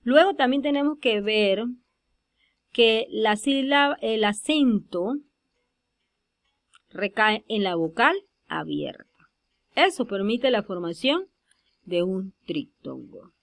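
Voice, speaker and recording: A woman giving a spoken grammar lesson over slides, slowing down to stress example words. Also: medium pitch, expressive. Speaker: teacher.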